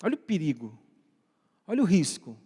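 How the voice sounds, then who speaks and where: In a church hall with long reverb, a man with a Brazilian accent preaches a conversational sermon, asking the congregation frequent questions and speaking to home viewers. His slightly high voice is warm, sing-song and a touch rough, at a moderate pace.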